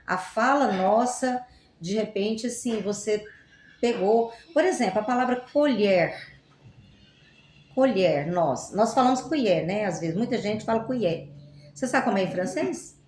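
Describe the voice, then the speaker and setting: A woman's voice: mid-range voice, animated, a little slow, darkish tone, slight background noise. A woman talks casually, like a teacher, about words and their roots. She keeps asking rhetorical questions and throws in playful examples. Her voice sits in a middle range and carries a roomy echo. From Goiás, Brazil. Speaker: Portuguese teacher, guest. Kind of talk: casual explanatory chat. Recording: roomy echoey room.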